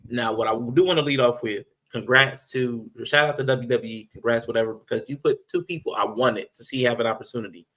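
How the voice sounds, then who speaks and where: A man's voice: medium pitch, steady tone, brisk, hardly any pauses, a bit bright, poor audio. A man co-hosting a wrestling review podcast, talking casually and animatedly, repeating himself and laughing often. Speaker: podcast co-host.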